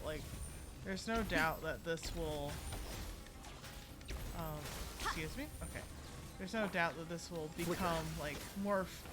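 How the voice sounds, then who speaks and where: Over video game music and a noisy background, a woman with a lowish voice gives casual live commentary on her gameplay, rambling and playing up the drama.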